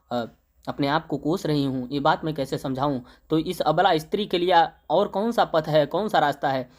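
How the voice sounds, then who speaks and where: Young guy teaching a poem, reads the verse slow then explains it plainly, lots of fillers. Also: fairly high pitch. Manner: recites verse slowly, then paraphrases in plain talk with fillers. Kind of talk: explaining a Hindi poem line by line.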